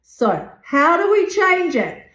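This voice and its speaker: A woman's voice: very high voice, sing-song, slow, a bit bright. Woman, 50s, podcast host, blunt, emphatic, swears, roomy echo. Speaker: podcast host and weight loss coach. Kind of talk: motivational podcast monologue.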